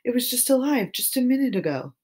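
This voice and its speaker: A woman's voice: medium pitch, a little fast, dark tone, breathy edge, pitched above the performer's own voice. A woman reading an audiobook, voicing a grieving young mother in an odd, silly sing-song lilt. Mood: dazed sing-song.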